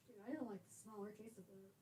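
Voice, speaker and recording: A woman's voice: medium pitch, fairly even intonation, fast, mellow, poor audio. A woman co-hosting a casual writing livestream, mischievous and giggly, reading out chat comments.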